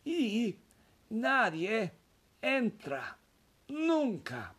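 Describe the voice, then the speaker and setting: A man voicing an excited, secretive old grandfather telling a boy a hushed story. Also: very high voice, very slow, breathy edge, pitched above the performer's own voice, full character voice. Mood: conspiratorial. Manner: hushed, conspiratorial, emphatic.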